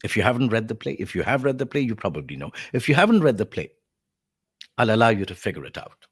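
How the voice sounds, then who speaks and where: Brief: male voice teacher, lively and explanatory, pitch all over the place, spoken lesson. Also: breathy edge. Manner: animated, explanatory, quick asides. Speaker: voice artist teaching delivery. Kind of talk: spoken lesson on vocal delivery.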